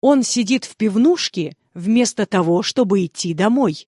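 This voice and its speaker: A woman repeating example sentences calmly and carefully for a language course. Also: medium pitch, normal speed, slightly rough, no room sound, clean studio sound. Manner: calm, careful enunciation. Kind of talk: scripted phrase reading.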